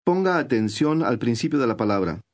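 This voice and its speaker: Brief: male course narrator, patient scripted teacher delivery, mid pitch. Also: expressive, a little fast. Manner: clear, patient teacher's instructions.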